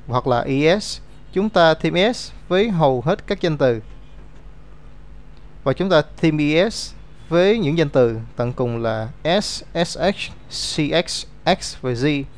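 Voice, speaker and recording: A man teaching an English grammar lesson, explaining rules step by step and reading out example words. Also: on the high side.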